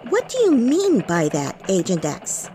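A woman playing a female elf news anchor in a mock radio newscast, with crisp anchor delivery. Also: medium pitch, wildly swooping pitch, a little slow, mellow, a little hiss or hum. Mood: poised, formal.

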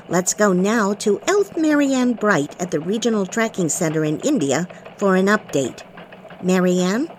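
A cheerful elf news anchor, voiced by a woman, reads a mock radio newscast. Her newsreader delivery rises and falls widely in pitch. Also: slight background noise, lightly acted.

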